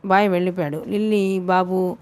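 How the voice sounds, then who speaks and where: A woman's voice: on the low side, moderate pace, clear, resonant tone. Woman reading a novel aloud. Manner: reads at an even pace, with small slips and self-corrections. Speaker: audiobook narrator. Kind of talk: reading a novel aloud, voicing all characters.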